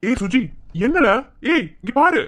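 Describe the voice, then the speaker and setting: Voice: high voice, big pitch swings, over music. An actor voicing a worried young male college senior in a cartoon, pressing his girlfriend for answers. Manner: fast, pressing and anxious. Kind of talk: animated cartoon voice acting.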